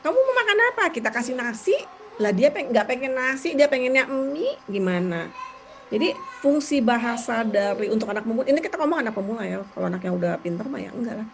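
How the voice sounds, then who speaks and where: A woman explains things in a chatty, animated way, like a parent sharing what she has learned. Her voice sits fairly high, and a faint background noise runs under the recording. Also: vocal fry, poor audio. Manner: chatty, animated, with quick laughs. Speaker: parent explaining ABA therapy. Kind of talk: casual explanatory talk.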